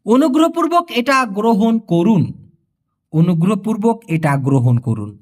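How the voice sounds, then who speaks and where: A language teacher with a fairly high, lively voice full of rises and falls gives a casual video lesson. He explains each word slowly, repeats phrases, asks whether it's clear to check understanding, and jokes with the viewer.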